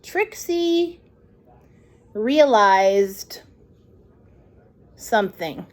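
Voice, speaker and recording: A woman with a medium-pitched voice hosts storytime, reading a picture book aloud to young children very slowly. She reads expressively and adds conversational asides.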